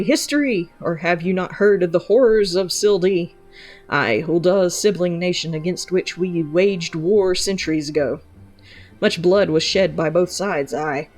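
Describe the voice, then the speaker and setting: A woman's voice: on the low side, a little mellow. A woman reading aloud as a grieving mother in a game, with old-fashioned speech full of "aye" and "ye".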